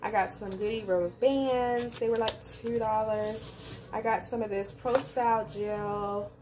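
A woman's voice: fairly high pitch, fairly even intonation, a little slow. A woman, chatting casually to viewers about her grocery haul from her home kitchen. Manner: chatty, folksy, addresses viewers directly. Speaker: vlogger. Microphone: phone camera in front. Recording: noisy home phone recording.

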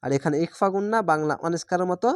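A woman teaching Quran reading from Bangladesh, spelling each syllable slowly, then blending it into the whole word. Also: on the low side, no echo, studio quality. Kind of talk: slow spelled-out recitation lesson.

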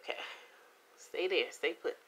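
A middle-aged woman chatting casually to the camera as she reviews food at home, with an unhurried manner. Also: a bit bright. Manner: unhurried, talking between bites with pauses and mm sounds. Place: indoors, small home room. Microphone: camera or phone at about arm's length.

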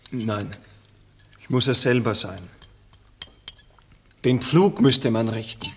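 An actor playing an uneasy, brooding farmer and father who speaks haltingly in a 1960s radio play. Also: medium pitch. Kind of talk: 1960s German-language radio play acting. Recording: noisy old radio recording, tableware clinking.

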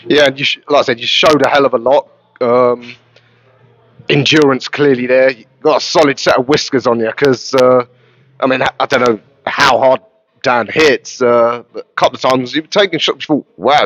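In a casual interview at an indoor boxing gym, a man with a medium-pitched, slightly bright voice talks at a normal speed. He asks a boxer long, chatty, rambling questions full of ums and uhs, and the recording is dry and lo-fi.

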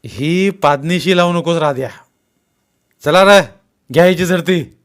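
A man voicing a harsh, bullying village police constable who shouts threats and barks orders in a read-aloud story. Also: on the high side, takes it slowly, voice pushed up. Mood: furious bullying.

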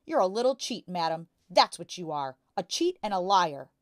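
A woman voicing a boastful, bullying father who deals in crooked cars, in a loud, hectoring manner for a storybook. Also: fairly low pitch, very animated, normal speed, no room sound, clean studio sound. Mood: angry, shouting.

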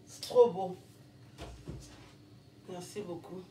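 A vlogger and comedian opens gifts in a casual unboxing vlog, exclaiming often and thanking people over and over. Her lowish, mellow voice is very slow and sits far from the mic, with roomy echo.

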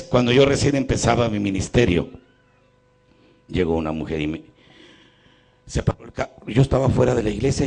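Folksy gravelly Mexican priest. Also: male voice, mid-range voice. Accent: Mexican Spanish. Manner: folksy, joking, animated. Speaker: priest leading a healing retreat. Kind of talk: storytelling sermon. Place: church.

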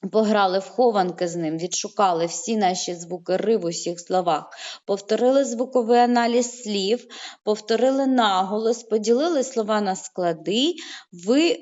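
A woman teaching young children in an online lesson, patient and encouraging, stretching words out slowly, heard through a video call. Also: medium pitch, darkish tone. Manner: slow, drawn-out syllables when saying words aloud. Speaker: primary school teacher. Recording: muffled online call audio.

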